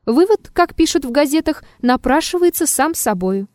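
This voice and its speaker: A woman's voice: high-pitched, animated, normal speed, darkish tone, no echo, clean studio sound, voice pushed up. A woman voicing an insolent, mocking male blackmailer in an audiobook, talking rudely and with a sneer. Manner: sneering and rude.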